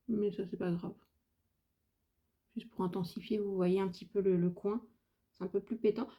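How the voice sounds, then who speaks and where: A French beauty vlogger chats casually through a makeup tutorial, thinking aloud hesitantly with lots of fillers. Her voice is mid-range, and the sound is lo-fi.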